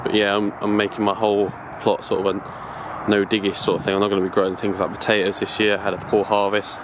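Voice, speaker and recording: A man's voice: lowish voice, fast talker. A man giving a chatty, rambling walking tour of his allotment, filming it himself on a handheld camera outdoors. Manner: rambling, chatty, self-correcting. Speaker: allotment vlogger. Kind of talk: casual walking tour narration. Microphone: handheld camera mic, filming from own view. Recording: outdoor camera audio with steady background noise.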